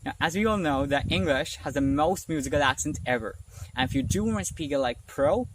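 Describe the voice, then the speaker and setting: A speaking coach giving a casual online lesson, chatty, often asking "right?" and slowing down to model examples. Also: medium pitch. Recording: distant mic with faint noise.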